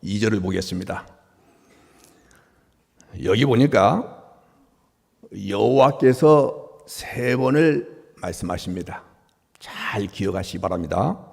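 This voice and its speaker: A man preaching a sermon as pastor, swinging from soft murmurs to loud exclamations and acting out quoted speech. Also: lowish voice, creaky, husky. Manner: acts out quoted speech of God and the people. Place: church sanctuary. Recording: long hall reverb.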